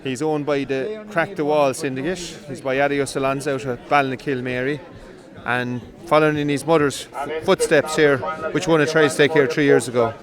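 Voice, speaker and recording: A man giving live commentary on greyhound coursing from an outdoor field, brisk and rising with excitement during the runs. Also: mid-range voice, crowd noise. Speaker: race commentator.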